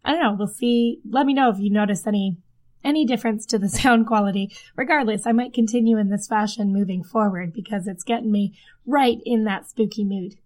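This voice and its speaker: This podcast host talks fairly quickly in a medium-pitched, slightly mellow voice. She tells her stories informally, wandering off and circling back. The setup is a desk microphone under a blanket, inside a blanket fort in her den.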